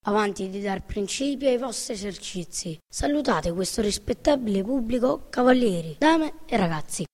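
A woman's voice: mid-range voice, animated, normal speed, hardly any pauses, close to an everyday voice. A woman voicing a pompous, blustering male circus director who makes grand speeches and barks commands in an audiobook. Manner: grandiloquent, ringmaster shouting commands. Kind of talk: audiobook character reading.

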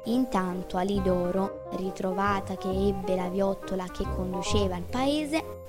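A woman narrating a children's storybook in a clear, expressive reading. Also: medium pitch.

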